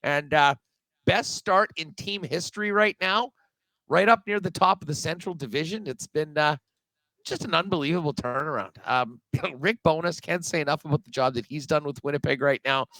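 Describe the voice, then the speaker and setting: A man's voice: on the high side, normal speed, pushed and bright, no room sound, poor audio. Man on a video call, chatty sports talk. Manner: chatty, loose, with frequent um and uh. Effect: remote guest on a video call. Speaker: sports betting podcast co-host. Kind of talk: casual sports betting chat.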